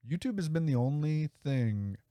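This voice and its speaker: A man's voice: a little high, lively intonation, normal speed, dark tone, no room sound, clean studio sound. A man hosting his own podcast solo, talking casually in a rambling, self-correcting, enthusiastic way. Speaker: podcast host.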